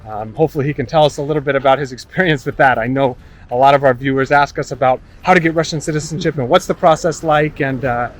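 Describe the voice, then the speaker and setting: A man hosting a casual interview outdoors in a city park, chatty and quick to laugh. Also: mid-range voice. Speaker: host, interviewer. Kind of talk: casual interview while walking.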